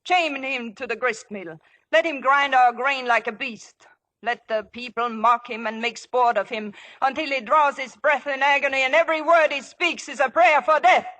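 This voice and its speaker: Delilah, bright-voiced scheming temptress. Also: female voice, sits high, rough recording. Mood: vengeful. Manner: dramatic, deliberate, formal. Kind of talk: 1950s radio drama acting.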